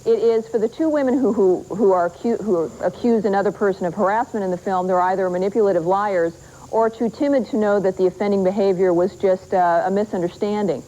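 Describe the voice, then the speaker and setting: A woman's voice: mid-range voice, fairly quick, warm tone, dull audio. A woman on a talk show panel arguing her position assertively, heard from a worn VHS tape copy. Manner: assertive, argumentative. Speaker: advocacy group leader on a talk show panel. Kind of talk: panel debate.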